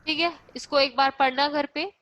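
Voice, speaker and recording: A woman's voice: high-pitched, steady tone, moderate pace, fairly bright tone, dry recording, lo-fi sound. A woman teaching a biology class, asking and answering her own questions, checking in with "okay" after each point, and mixing English terms into her Hindi. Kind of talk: class lecture.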